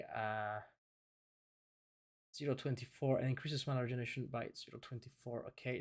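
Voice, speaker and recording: Chatty man streaming a game. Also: mid-range voice. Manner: chatty, rambling with fillers and self-corrections. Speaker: gaming streamer. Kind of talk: casual live-stream commentary.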